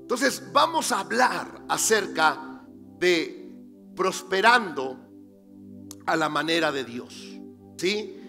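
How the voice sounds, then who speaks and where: A male pastor preaching a sermon. He asks the congregation rhetorical questions, answers them himself, and rises to emphatic, near-shouted declarations. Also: high voice, expressive, slow pace, vocal fry, pauses often. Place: church sanctuary. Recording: reverberant church hall with faint music.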